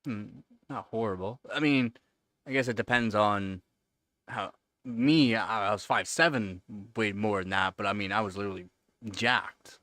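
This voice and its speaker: Chatting casually with his audience, a man in his thirties hosts a livestream and rambles through their questions, leaning on fillers and repeating words. He speaks at a normal speed in a lowish, bright, forceful voice, recorded dry at studio quality.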